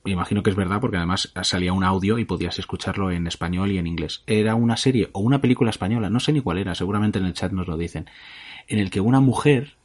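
A man from with a low, husky voice chats loosely on a podcast. He rambles, trips over his words and restarts, and drops casual curses as he goes. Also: fast. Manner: rambling, self-correcting, swears casually. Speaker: podcast co-host. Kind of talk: casual chat.

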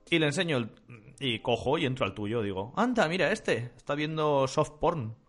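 A man with a Spain Spanish accent, co-hosting a podcast and telling teasing stories. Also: medium pitch. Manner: teasing, animated storyteller. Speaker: podcast co-host. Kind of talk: casual comedic chat.

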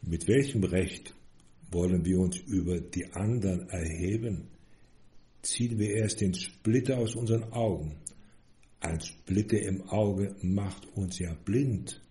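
A man giving an earnest, measured sermon as a priest. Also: low-pitched, dark tone. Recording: echoey room.

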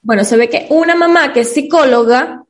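A woman's voice: sits high, brisk. A woman with a Venezuelan Spanish accent in casual podcast chat, rambling with many restarts.

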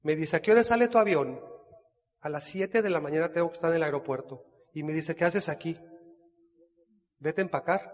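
A man from Mexico with a Mexican accent, telling his life story in a casual, animated way and acting out the dialogue. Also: sits high, long reverb tail. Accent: Mexican Spanish. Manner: animated storyteller who acts out dialogue, with frequent restarts. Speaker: business speaker sharing his life story.

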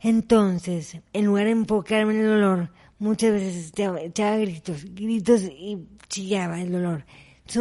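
A middle-aged woman, telling personal stories as an interview guest and acting out the dialogue. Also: mid-range voice. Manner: animated storyteller, acts out dialogue. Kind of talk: personal storytelling in conversation.

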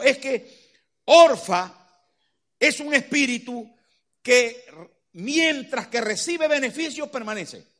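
A man's voice: very high voice, fairly bright tone. A man preaching a sermon, dramatic and full of rhetorical questions to the congregation.

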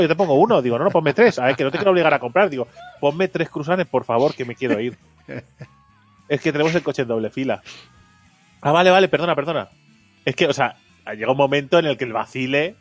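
A man tells a casual story on his stream, laughing easily and voicing the people he quotes. His voice sits mid-pitch and is recorded dry and close, with faint music underneath. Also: no echo. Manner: animated storyteller, laughs often, acts out quotes. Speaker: streamer and show host.

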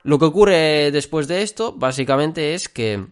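A man from hosting a casual solo podcast, rambling and often tacking on quick check-ins with his listeners. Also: fairly high pitch, expressive, smooth. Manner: rambling, full of fillers and "¿vale?" check-ins. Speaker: podcast host.

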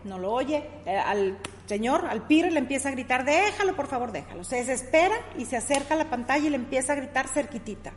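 A woman's voice: sits high, expressive, fast, hardly any pauses, big-room sound, a little hiss or hum. A middle-aged woman who explains ideas in a conversational teaching style, working through examples and often checking "¿sí?" with her listener.

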